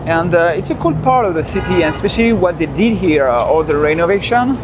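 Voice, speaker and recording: Over music and loud city traffic, a French-accented man livestreams a walking tour outdoors, his high-sitting voice expressive and fast. He chats while strolling the busy streets, repeating himself and sprinkling in "you know."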